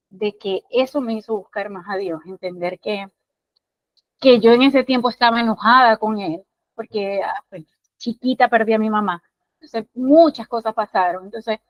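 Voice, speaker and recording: A Venezuelan woman with a fairly high voice tells a personal testimony, earnest and halting, full of restarts and little fillers. The sound is dull and muffled, close and dry with no room around it. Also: dry recording. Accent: Venezuelan (Maracaibo). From Maracaibo, Venezuela. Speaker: student sharing in class.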